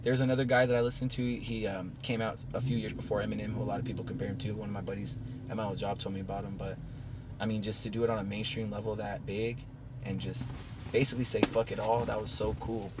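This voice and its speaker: A man's voice: fairly low pitch, level tone, fast talker, background noise. A man chatting casually and emphatically as a podcast guest, swearing often and calling people bro. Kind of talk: casual chat.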